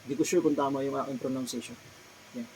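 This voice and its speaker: A man's voice: medium pitch, fairly even intonation, warm tone, slight background noise, poor audio. A Filipino man, a clothing seller, holds up items from his small shop one by one, repeating each brand name and size politely. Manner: slow, polite, repeats item names and sizes. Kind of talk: casual product showcase vlog.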